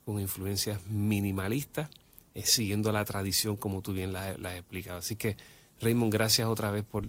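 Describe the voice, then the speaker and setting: Low-voiced man, radio host, affirming interviewer. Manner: affirming, with short backchannels.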